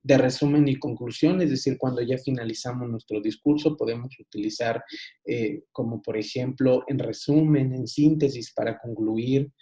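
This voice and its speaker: A man giving a recorded online lesson, unhurried, with frequent hesitations and restarts. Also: medium pitch, fairly even intonation, mellow. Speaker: teacher. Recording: dull lo-fi recording.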